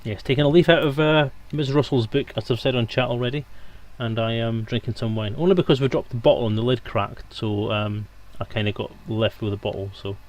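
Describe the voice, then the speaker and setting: A man at medium pitch speaks a little fast with few pauses and a steady tone. He's rambling casually to his livestream viewers on a headset microphone, joking around and going off on tangents.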